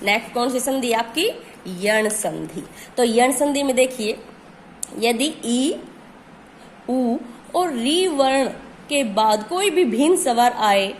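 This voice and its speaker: A woman's voice: fairly high pitch, slight background noise. A woman teaching a grammar lesson, who asks questions and answers them herself and stretches out key words.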